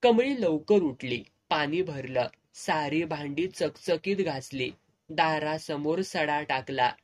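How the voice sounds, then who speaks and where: A storyteller reading a serialized novel aloud in an unhurried way. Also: mid-range voice, animated.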